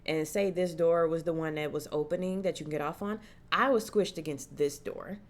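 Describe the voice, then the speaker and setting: A young woman horror vlogger tells a personal story casually and with animation, slipping into the voices of the people she quotes. Her voice is low and her pace moderate.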